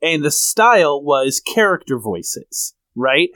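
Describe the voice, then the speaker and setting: A lively comedy podcast co-host talks in a slightly high voice that bounces around a lot as he explains things and tells stories at a slow pace. He's close on the mic in a dry, dead room with no room sound.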